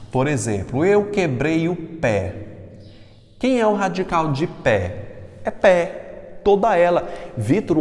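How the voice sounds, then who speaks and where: A man from Brazil, a Portuguese teacher, giving a recorded class, lively, asking and answering his own questions. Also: mid-range voice, big-room sound.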